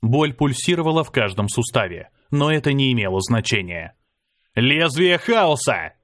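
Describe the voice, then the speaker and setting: A man narrating a first-person fantasy audiobook, with dramatic delivery that rises for shouted lines. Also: lively intonation, brisk, no echo, studio quality. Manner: dramatic, lifts pitch and volume for shouted lines.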